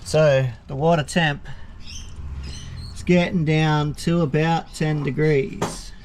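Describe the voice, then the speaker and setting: A man's voice: on the high side, steady tone, slow, a little mellow. A man talking casually to camera as a vlogger. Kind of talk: casual vlog talk to camera. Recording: clear background noise.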